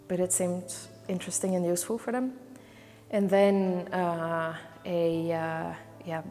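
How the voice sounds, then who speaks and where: Her voice fairly low with vocal fry and a darkish tone, a woman from Hungary talks about her project for a testimonial interview, with a long reverb tail behind her. She works as a volunteer trainer and career counselor and speaks thoughtfully, full of fillers and restarts.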